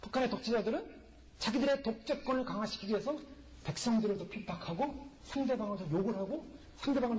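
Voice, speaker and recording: A man's voice: very high voice, darkish tone, low-quality recording. A male pastor preaching a sermon, delivering it emphatically and firing rhetorical questions at the congregation.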